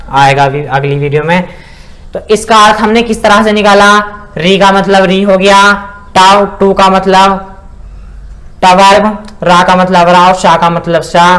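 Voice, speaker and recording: A man teaching a Sanskrit grammar lesson, slowly sounding out syllables and often checking in with his students. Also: a little high, a bit bright. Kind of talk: spoken lesson explaining pronunciation.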